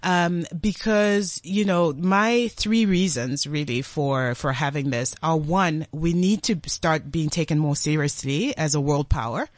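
A woman's voice: low voice, unhurried, few pauses, dry recording. A woman from Congo who grew up in South Africa, a studio guest in an interview, arguing earnestly in numbered points. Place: radio studio.

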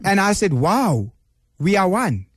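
A man's voice: high voice, very animated, unhurried, a bit bright, breathy edge, no room sound. Radio host guy, chatty and keen, dry close mic. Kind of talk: radio interview.

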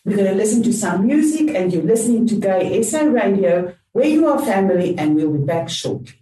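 A woman's voice: medium pitch, sing-song, brisk. A woman with a South African accent, hosting a panel discussion as a radio talk show host. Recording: roomy, distant mic, faint background noise.

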